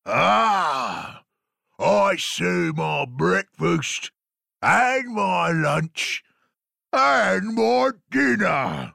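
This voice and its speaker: A man voicing a hungry, greedy troll under a bridge, shouting his lines slowly. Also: very animated, vocal fry, no echo, studio quality, heavily acted. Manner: booming, drawn-out shouting.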